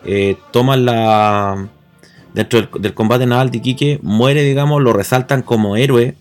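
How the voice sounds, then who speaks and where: Chilean man explaining, mid-pitched. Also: a little slow, faint music behind. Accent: Chilean Spanish. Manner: explanatory, checks agreement with tag questions. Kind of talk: casual history discussion.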